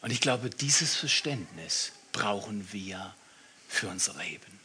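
A man preaching a sermon, swinging from loud emphatic bursts to hushed whispers. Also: on the low side, animated, slow, slight background noise.

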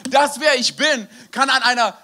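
A young man preaching a lively storytelling sermon, animated and laughing often, often dropping in "hey". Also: very high voice, normal speed. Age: young adult.

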